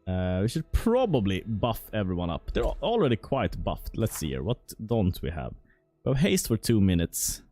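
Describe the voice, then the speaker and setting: A man's voice: lowish voice, big pitch swings, normal speed, dark tone. A man casually commentating as he plays a role-playing game, thinking aloud about tactics. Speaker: gameplay commentator. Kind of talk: let's play commentary.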